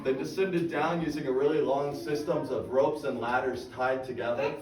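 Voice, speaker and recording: A man's voice: medium pitch, fairly even intonation, moderate pace, crowd noise. A man working as a tour guide, narrating to a group in a projecting, folksy way, in an echoing cave. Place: inside a rocky cave, standing among a tour group. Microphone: phone camera held several metres away. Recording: echoey cave, far from the mic.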